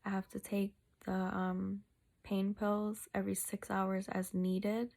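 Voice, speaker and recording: Slow, very creaky woman, sore after wisdom teeth surgery. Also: mid-range voice, flat delivery, darkish tone. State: sore mouth, recovering two days after wisdom tooth surgery; tired. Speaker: vlogger. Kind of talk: casual personal vlog update, chatty.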